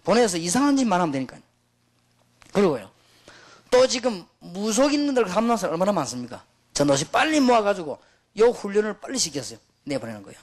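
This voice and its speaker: A man's voice: high-pitched, big pitch swings, fast talker. A middle-aged man, preaching to pastors in an emphatic, storytelling way. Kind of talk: sermon to pastors.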